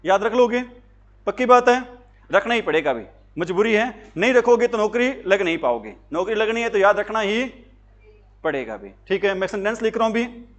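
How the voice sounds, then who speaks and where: A high-voiced man lectures a class on grammar. He fires questions at his pupils, then answers them himself, repeating key words with emphasis. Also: expressive, normal speed, a bit bright, highs cut off. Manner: repetitive, emphatic teaching. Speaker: English teacher for job exams.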